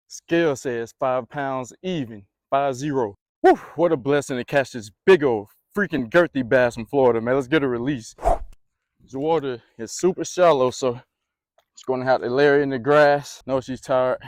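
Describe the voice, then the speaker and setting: A man vlogging his own fishing by a pond, excitable, breathing hard, exclaiming often as he narrates. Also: medium pitch, normal speed, no echo. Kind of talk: excited outdoor fishing vlog. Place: outdoors by a Florida pond.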